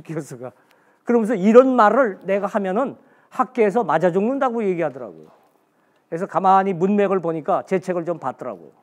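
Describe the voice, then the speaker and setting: A man's voice: high-pitched, expressive, fairly quick. A man giving a special history lecture in a blunt, colloquial way, asking himself questions and answering them.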